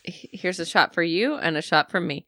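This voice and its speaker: Bright, stammering woman in improv comedy. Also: on the low side, lively intonation, moderate pace, no echo, studio quality.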